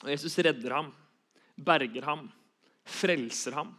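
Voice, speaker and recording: A man's voice: a little high, pushed and bright. A young man giving an earnest sermon, repeating key phrases for emphasis. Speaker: preacher.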